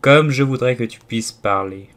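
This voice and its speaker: A man's voice: mid-range voice, normal speed, fairly bright tone, natural voice. A man voicing a curious, polite little girl in an audiobook, eager and full of questions.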